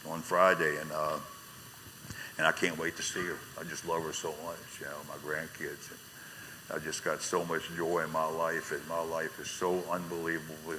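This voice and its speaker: An older man giving an emotional personal testimony, earnest, swinging from intense outbursts to soft quiet moments. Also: rumbling low, flat delivery, normal speed, in a large hall, noisy background. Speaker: speaker sharing his recovery story.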